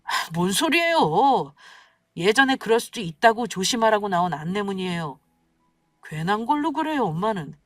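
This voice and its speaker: A woman's voice: mid-range voice, very animated, normal speed, no room sound, studio quality. A woman voicing an earnest, protective young husband in a radio story, speaking firmly and defensively. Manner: firm, pleading, defensive. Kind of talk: scripted radio story acting.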